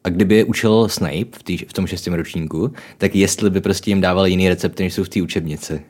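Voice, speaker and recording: A man's voice: low-pitched, steady tone, a little mellow. A young man from the Czech Republic co-hosting a casual book chat, musing aloud with jokey asides. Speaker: podcast co-host.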